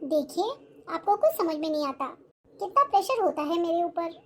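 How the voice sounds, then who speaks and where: A woman's voice: extremely high pitch, sing-song, moderate pace. A woman voicing an arrogant, scornful young daughter-in-law in a cartoon-style family drama, always complaining and snapping back. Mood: defensive. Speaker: schoolteacher character.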